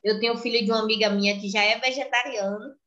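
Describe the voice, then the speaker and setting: A woman hosting a casual chat, telling an animated, expressive story with frequent laughter. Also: a little high, fast talker, highs cut off. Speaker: podcast host.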